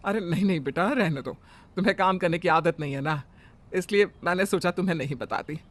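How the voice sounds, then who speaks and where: For a Hindi family drama, a man with a high-sitting voice that runs a little fast and stays close to everyday speech plays a fussy, bossy middle-aged mother-in-law. She scolds and complains.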